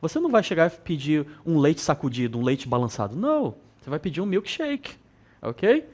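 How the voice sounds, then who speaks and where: A man from northern Brazil with a regional accent, teaching an English lesson to students and repeating words slowly with frequent check-ins. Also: on the high side, sing-song, darkish tone. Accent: northern Brazilian Portuguese. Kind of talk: televised school lesson.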